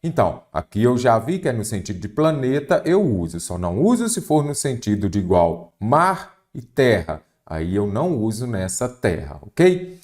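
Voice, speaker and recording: A man's voice: medium pitch, big pitch swings, normal speed, a little mellow, echoey room. A middle-aged Brazilian man teaching an exam-prep Portuguese lesson, emphatic and full of rhetorical questions, telling students to take notes.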